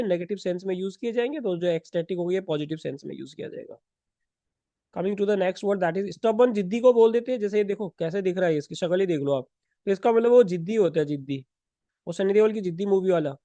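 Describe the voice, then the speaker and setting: A man teaching English vocabulary for exams, explaining step by step with rhetorical questions and quick self-corrections. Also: sits high, dark tone, no room sound, dull audio. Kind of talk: exam-prep lesson in Hindi-English mix.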